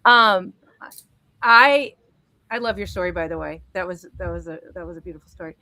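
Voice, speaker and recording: A woman in her fifties from Connecticut, a guest educator telling her first-year story, emotional and quick to laugh. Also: on the low side, bright, forceful tone, no echo. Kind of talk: panel discussion answer.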